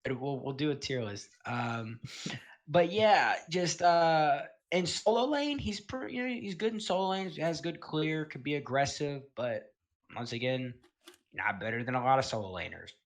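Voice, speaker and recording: A man casually talking through a game tier list, rambling and filling pauses with um and you know. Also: on the high side, lively intonation. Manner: laid-back, chuckles between points. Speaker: gaming video host.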